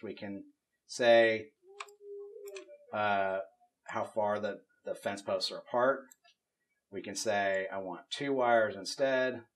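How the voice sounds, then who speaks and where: A middle-aged man casually walking through a software tool demo in an office, explaining as he goes with frequent fillers. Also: mid-range voice. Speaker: game studio technical artist demonstrating tools. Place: office at a desk with monitors.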